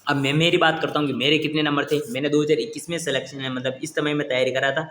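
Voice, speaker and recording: Young male coaching teacher, encouraging and checking in often, slightly high voice, roomy recording with faint hum. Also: level tone, rapid-fire, a bit bright. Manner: repeats "ठीक है ना?" to check understanding, encouraging. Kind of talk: casual coaching lecture.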